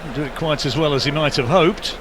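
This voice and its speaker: A man with a fairly high voice commentates live on darts. He is conversational and discursive, given to wry asides, with loud arena noise behind him. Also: a little fast. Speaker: sports commentator. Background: noisy darts arena.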